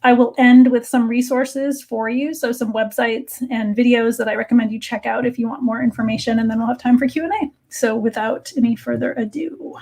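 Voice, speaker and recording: A woman's voice: fairly high pitch, fairly even intonation, brisk, hardly any pauses, a little mellow. A woman giving an educational slide talk in a conversational, explanatory manner, as an expert presenter.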